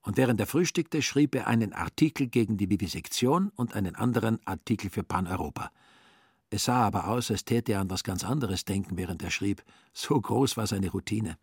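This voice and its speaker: A man narrating a radio play in a calm, ironic storytelling manner. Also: on the low side, a little fast, breathy edge, no room sound, clean studio sound.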